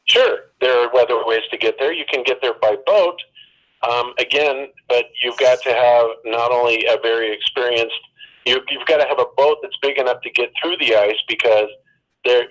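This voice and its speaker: A man on a phone call explaining his point in a measured way, with many ums. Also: medium pitch, fairly bright tone. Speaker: phone guest. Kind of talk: debate over the phone.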